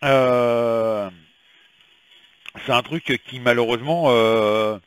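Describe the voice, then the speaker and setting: A man's voice: medium pitch, fairly even intonation, drawn-out words, clear, resonant tone. A man from France reading tarot in a casual weekly prediction vlog, chatting and rambling with many fillers while fighting a slight cold. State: has a slight cold, coughing. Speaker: tarot reader.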